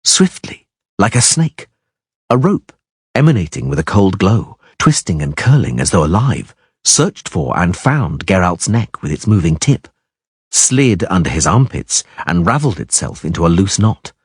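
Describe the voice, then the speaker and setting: Husky, low male narrator for dramatic fantasy audiobook; dry close voice-over. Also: big pitch swings, moderate pace, no room sound. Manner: emphatic, swelling on action words.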